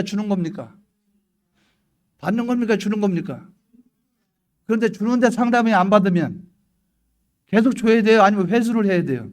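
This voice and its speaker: A middle-aged man preaching a sermon as pastor, moving between hushed prayer and loud questions to the congregation, acting out little scenes in his own voice. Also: high-pitched.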